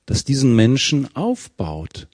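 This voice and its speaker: Ein Mann, der lebhaft predigt, einen Bibeltext Vers für Vers auslegt und der Gemeinde Fragen stellt. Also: male voice, medium pitch, takes it slowly, breathy edge, no room sound, studio quality. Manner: lively preaching, verse by verse, with questions to the congregation. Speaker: preacher. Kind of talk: sermon.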